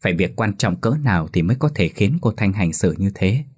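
A man narrating a scripted ghost story in a steady, even storytelling manner. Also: deep voice, fairly quick, breathy edge.

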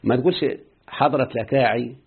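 Husky Egyptian teacher on lo-fi audio. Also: male voice, mid-range voice, a little fast. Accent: Egyptian Arabic. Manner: quizzes students often with rhetorical questions. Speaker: Arabic grammar teacher. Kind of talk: classroom grammar lesson. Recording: muffled phone-like lo-fi audio.

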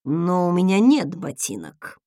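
A woman's voice: on the low side, very animated, unhurried, mellow, no room sound, studio quality, pitched below the performer's own voice. A woman voicing a flustered male dragon envoy. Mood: pleading. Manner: anxious and pleading. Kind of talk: audiobook character voice.

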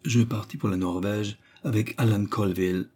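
A man reads a literary short story aloud in a measured, storytelling way, slipping into the characters as the dialogue comes. His voice is low and dark, with a husky, breathy grain. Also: fairly even intonation. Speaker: audiobook reader. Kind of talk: scripted literary narration.

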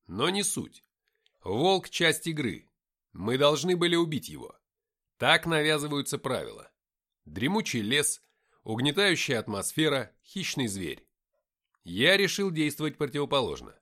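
A man reading a first-person adventure audiobook, with lively, dry-humored storytelling. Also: mid-range voice. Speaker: audiobook narrator.

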